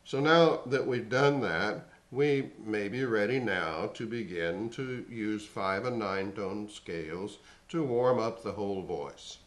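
A man giving a spoken vocal lesson in a slow, measured, instructive way. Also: on the low side. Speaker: voice teacher. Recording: echoey room.

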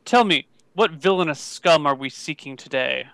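Grim elite huntsman, dropped low and slow, dry sound, as a player puts him on. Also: animated, creaky, fairly bright tone, no echo.

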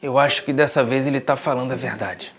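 A man's voice: medium pitch, fast, natural voice. A young man playing a level-headed, mildly comic adventurer in a children's show. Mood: concerned, reasoning. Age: young adult. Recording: music behind the voice.

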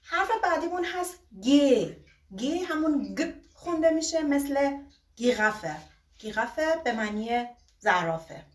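A woman teaching a beginner alphabet lesson, stretching out each example word slowly between quicker asides. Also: sits high, fairly bright tone. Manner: slow, drawn-out example words, quick asides. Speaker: German teacher. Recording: roomy echo, distant from mic.

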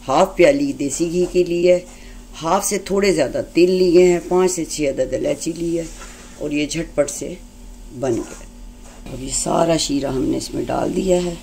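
A woman hosting a home cooking demonstration, explaining each step calmly and patiently. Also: deep voice, measured pace, gravelly. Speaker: cooking channel host. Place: home kitchen.

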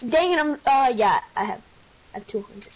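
A woman playing as a teammate in a shooter game, chatting with slow, mock-dramatic outrage. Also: on the high side, animated. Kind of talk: casual gaming chat. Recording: lo-fi with faint noise.

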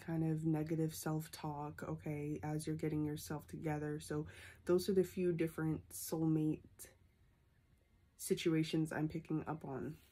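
Congested from a sinus infection, a young tarot reader speaks in a low, mellow voice to her phone camera at arm's length in a small room. She tacks a questioning "okay?" onto almost every point she makes.

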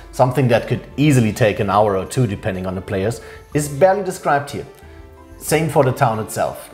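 A man in his thirties co-hosting a game review, critiquing its flaws in a measured way in a small indoor room. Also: mid-range voice, a little mellow. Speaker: co-host reviewing a game adventure. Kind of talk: casual review chat.

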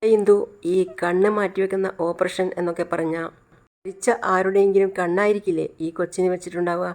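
A woman's voice: lowish voice, little pitch movement, quick pace, darkish tone, close to an everyday voice. A woman voicing a gossiping middle-aged coworker who pries with insinuating questions. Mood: prying. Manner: prying, insinuating.

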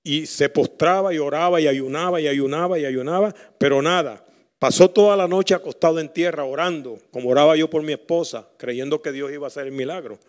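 Higher-voiced male pastor preaching emphatically. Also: brisk. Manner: emphatic preaching, swinging between loud and quiet; reads scripture aloud and leads a repeat-after-me prayer. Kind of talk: sermon.

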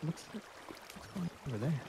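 A man hosting a casual gameplay stream, chatting excitedly and playfully as he explores. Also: on the high side, moderate pace, creaky, heavy background noise. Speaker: streamer host.

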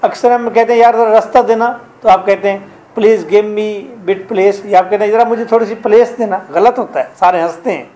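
A man's voice: high voice, fairly even intonation, moderate pace, mellow. A middle-aged man with a Pakistani accent teaching a classroom English grammar lesson, drilling rules and quizzing his students.

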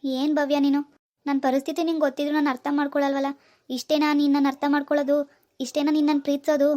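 A woman's voice: high-pitched, little pitch movement, fast, mellow, natural voice. A woman voicing a poor, lovesick young village man in a cartoon, pleading with his girlfriend. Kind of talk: cartoon dialogue voice acting.

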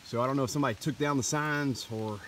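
A man's voice: mid-range voice, fast, a bit bright, slight background noise. A middle-aged man filming himself on a wooded hiking trail, explaining plainly as he walks, with the camera held close. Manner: plain, matter-of-fact explaining while walking. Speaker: hiker filming his trip. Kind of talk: casual trail vlog. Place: outdoors on a leafy forest trail. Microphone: handheld camera close to face.

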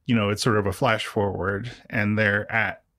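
A man's voice: lowish voice, fairly even intonation, normal speed, a bit bright, no room sound, clean studio sound. A man in his forties co-hosting a podcast, chatting casually about a book in a wry, rambling way that keeps interrupting itself. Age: 40s. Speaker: podcast co-host.

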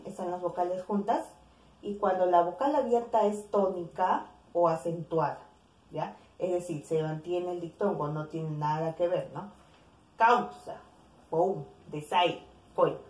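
A woman teacher giving a recorded language lesson, explaining step by step, listing examples and often checking with a quick question. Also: lowish voice, darkish tone, roomy sound.

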